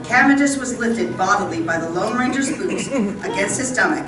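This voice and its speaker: A woman narrates an old-time radio adventure in a dramatic, theatrical style, animated and at normal speed, with a medium-pitched voice and occasional stumbles in her reading. The sound is roomy and distant like a stage pickup, with loud music.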